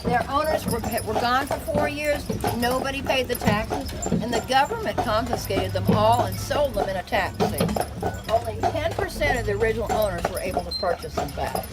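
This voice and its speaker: A woman's voice: on the high side, expressive, normal speed, over loud music. An older woman of about seventy giving a chatty, explanatory sightseeing commentary as a tour guide, projecting to her group outdoors. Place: outdoors on a moving open carriage. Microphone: handheld phone a short distance away. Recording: very noisy outdoor phone recording, clopping hooves. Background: loud noise, horse hooves clip-clopping.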